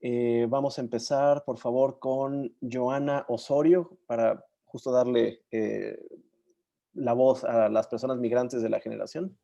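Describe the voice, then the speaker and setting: Warm-voiced man hosting a video call. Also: mid-range voice, fairly even intonation, measured pace, vocal fry. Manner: hesitant, often searching for words and names. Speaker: moderator. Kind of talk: casual online session hosting.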